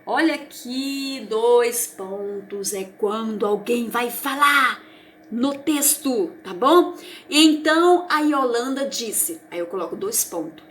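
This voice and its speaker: A Brazilian woman teacher with a fairly high voice walks young children through a review lesson. She is patient and encouraging and keeps checking that they follow. Faint noise sits under the recording. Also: animated, slow pace, a bit bright. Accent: Brazilian Portuguese. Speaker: primary school teacher.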